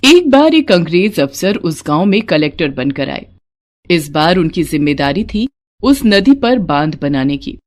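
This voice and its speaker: A woman narrating devotional stories in an expressive, dramatic way. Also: on the low side, measured pace. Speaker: storyteller.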